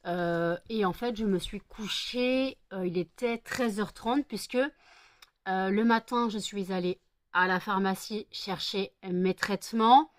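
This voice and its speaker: A tired-sounding woman chats slowly in a mid-range voice for a casual vlog. She's talkative and hesitates a lot, scolding her pets affectionately along the way.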